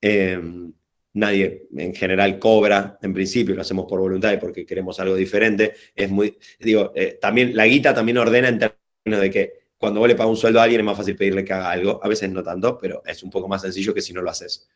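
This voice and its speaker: A man's voice: sits low, level tone, a little fast. A man with a Rioplatense Spanish accent leading an informal online workshop over a video call, talking casually and digressively with slang and hesitant restarts. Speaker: workshop facilitator.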